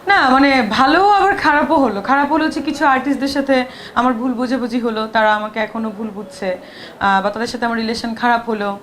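A woman's voice: a little high, fairly quick, a bit bright, slight background noise. A woman actress with a sore throat, chatty and defensive while answering press questions at a shoot. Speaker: film actress. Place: noisy shooting location.

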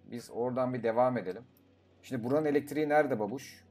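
A young man giving casual gameplay commentary, talking to himself, swearing and breaking into excited outbursts. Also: mid-range voice, fast. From Turkey. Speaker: gaming YouTuber.

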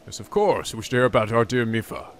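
A man voicing a gentle elderly king speaking formally about his lost daughter. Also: mid-range voice, lively intonation, quick pace, close to an everyday voice. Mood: gracious. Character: gentle elderly male king, grieving father.

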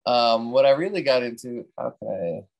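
Relaxed man explaining a photography technique. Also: mid-range voice, normal speed, creaky, rough recording. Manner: relaxed, rambling, many fillers and restarts. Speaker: presenter at a photography talk. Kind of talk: casual technique talk.

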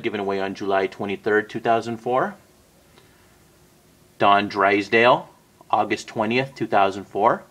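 A man casually narrating a walkthrough of his collection on home shelves, naming items one after another with the odd pause and self-correction. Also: on the low side. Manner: steady list-like naming with occasional uh and self-corrections. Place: indoors at home by display shelves.

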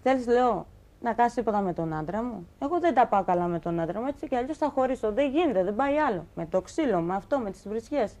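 On a talk show, a young female guest shares an emotional personal story. Her voice is fairly high, and she's a lively storyteller who performs the quoted lines.

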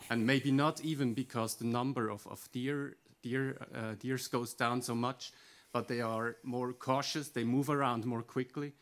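A man's voice: mid-range voice, fairly even intonation, unhurried, a bit bright. A man speaking as a panelist on a conference stage, hesitant and often repeating words. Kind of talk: panel discussion contribution. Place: conference hall stage, indoors.

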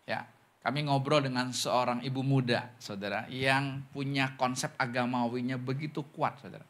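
A man preaching a sermon as pastor, talking straight to the congregation and acting out questions in other voices. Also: moderate pace. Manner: animated preaching, often calls the congregation "saudara"; acts out questioners' voices in higher pitch.

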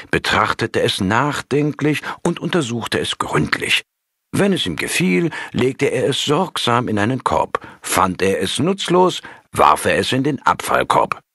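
A man reading a story aloud in a calm, measured storytelling manner. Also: lowish voice, breathy edge, no echo, studio quality. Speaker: audiobook narrator. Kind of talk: scripted narration of a story.

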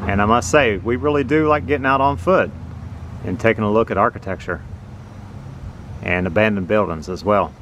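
A man narrating a walking tour outdoors on a city sidewalk, explaining things slowly and plainly as he films with a handheld phone. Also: lowish voice, a bit bright, slight background noise. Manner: slow, plain, informative. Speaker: vlogger touring a building. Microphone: handheld phone camera.

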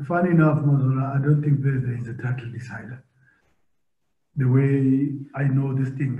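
A middle-aged man, a football coach answering post-match press questions in an emphatic way, repeating words and asking rhetorical questions, over a video call. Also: medium pitch. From South Africa. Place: press room in front of sponsor board. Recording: echoey, tinny video-call audio.

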